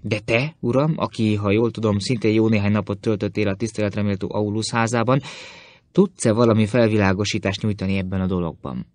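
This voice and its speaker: A man's voice: lowish voice, steady tone, a little mellow, no echo, close to an everyday voice. A male audiobook reader voicing a sly, fawning Greek philosopher who peddles secrets, obsequious and boastful.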